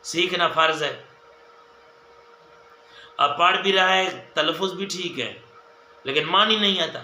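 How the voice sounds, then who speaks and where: A man teaching a religious lesson in a very bright, forceful voice that sits a little high for a man. He counts off numbered points and goes over each one again. The room is echoey, with a faint hum of ambience behind him. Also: gravelly. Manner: repetitive, enumerating points, addressing viewers as dear friends. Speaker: mufti giving a hadith lesson.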